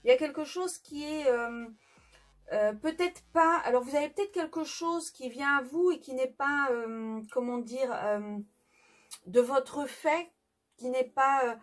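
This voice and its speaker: A woman's voice: high voice, unhurried. A French woman giving a casual tarot reading, chatty and hesitant with many fillers and restarts. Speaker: tarot reader. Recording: faint background music.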